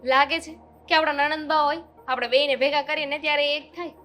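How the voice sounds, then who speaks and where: A woman's voice: sits high, fairly even intonation, fairly quick, pushed and bright. A woman acting a young sister-in-law plotting in a family drama. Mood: scheming.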